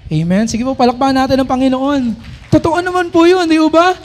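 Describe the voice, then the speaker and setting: A middle-aged male pastor preaching a sermon, often calling out to the congregation and reading scripture slowly and loudly. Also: very high voice. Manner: preaching with frequent call-and-response to the congregation.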